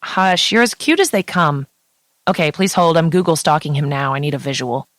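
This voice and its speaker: A woman's voice: low-pitched, expressive, normal speed, dry recording, clean studio sound. A woman reading an audiobook, voicing a blunt, foul-mouthed young woman who is the heroine's best friend. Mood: teasing. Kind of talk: audiobook character voice.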